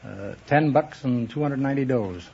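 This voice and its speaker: A man's voice: medium pitch, moderate pace, vocal fry. Male farmer from Ohio, terse and plain; lo-fi vintage recording, heavy noise. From Ohio, USA. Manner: plain, short, matter-of-fact answers. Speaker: contestant, goat dairyman. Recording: lo-fi vintage broadcast recording with loud audience.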